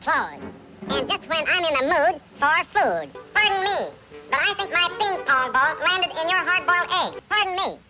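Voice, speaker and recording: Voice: extremely high pitch, sing-song, moderate pace, sharp tone, dull audio, faint music behind, exaggerated voice. An actor voicing a brash, manic, wisecracking cartoon woodpecker with cocky, zany heckling on an old cartoon soundtrack.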